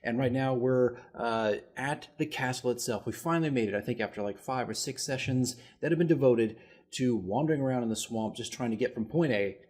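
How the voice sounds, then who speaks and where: Recapping the game for his campaign diary, this dungeon master tells the story casually, rambling and poking fun at himself. His mid-range voice is a little fast and a little mellow.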